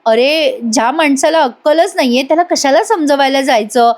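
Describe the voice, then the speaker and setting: A woman's voice: sits high, normal speed, voice pushed up, lightly acted. A woman voicing a scheming young woman who whines and pleads to win sympathy. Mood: pleading.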